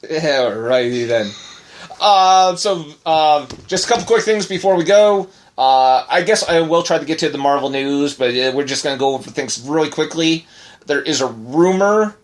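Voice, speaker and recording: A man's voice: fairly high pitch, normal speed. A married man co-hosting a casual podcast, rambling through news with lots of fillers and restarts. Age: adult, married. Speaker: podcast co-host.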